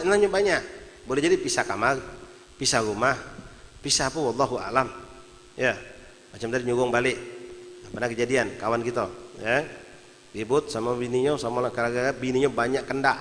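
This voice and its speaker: A man with a Palembang Malay accent teaching a religious lesson at a mosque, lively, often acting out quarrelling husbands in local dialect. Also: mid-range voice, long reverb tail, a little hiss or hum, poor audio. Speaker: preacher at a mosque study session. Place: mosque hall.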